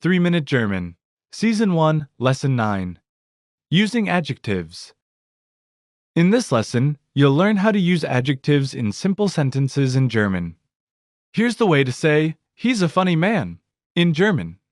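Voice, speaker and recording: Here a man narrates a language lesson, delivering scripted prompts evenly and in order at a measured pace. There is lots of movement in his pitch. The audio is dry and close-miked with no room sound.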